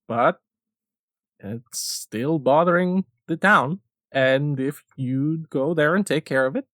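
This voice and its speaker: A man voicing a formal, courteous male Nord town official with an exaggerated Scandinavian accent, in a measured delivery. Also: mid-range voice, fairly bright tone, no echo, studio quality.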